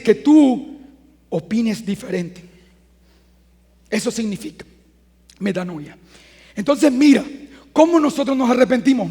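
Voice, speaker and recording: A man in his thirties preaching a sermon as a pastor, talking conversationally and then swelling into loud, emphatic passages. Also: very high-pitched, in a large hall. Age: 30s.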